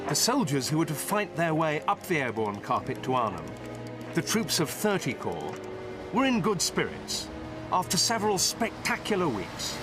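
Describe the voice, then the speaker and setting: A man narrating a history documentary in a clear, expressive scripted delivery. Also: fairly high pitch, moderate pace, loud music behind the voice. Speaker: documentary presenter.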